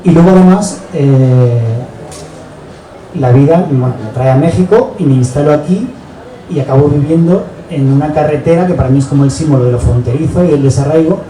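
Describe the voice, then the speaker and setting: A man in his forties from Barcelona with a Spanish accent from Spain, an author presenting his book in a reflective, halting way that often tags sentences with a questioning "no". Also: fairly high pitch, warm tone. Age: 40s. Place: book fair hall. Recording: echoey hall, distant mic, background noise.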